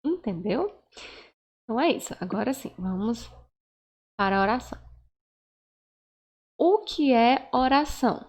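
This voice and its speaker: Brief: woman teacher, slow careful delivery, fry in the voice, keeps checking that students follow. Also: fairly high pitch, animated, a little mellow. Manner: slow, patient, checks in with "né?" and "certo?"; acts out example sentences with raised, stretched intonation. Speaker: Portuguese teacher. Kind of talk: recorded online grammar lesson.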